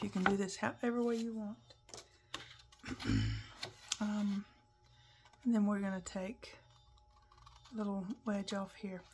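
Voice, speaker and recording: Speaking slowly with a mid-range voice, a croaky papercraft host keeps clearing her throat as she chats and instructs her way through a casual step-by-step craft demo. She talks while her hands are busy, and the background is noisy.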